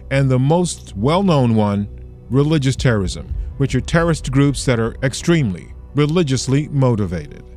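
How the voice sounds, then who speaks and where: A man hosts in a deliberate broadcast style, pausing for emphasis between phrases. His voice sits at a medium pitch, with faint music behind it. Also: a little mellow. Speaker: podcast host and interviewer. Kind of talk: scripted narration and interview questions.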